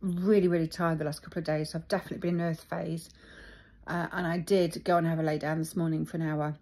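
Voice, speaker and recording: A middle-aged woman talking reflectively about her feelings, thoughtful and halting as she searches for words. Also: deep voice, little pitch movement, mellow. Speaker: vlogger. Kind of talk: reflective personal talk.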